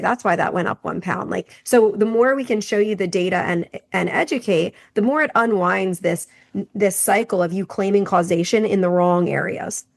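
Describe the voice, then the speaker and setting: Lively woman podcast co-host. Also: mid-range voice, vocal fry. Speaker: podcast co-host, health coach. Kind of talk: casual podcast chat.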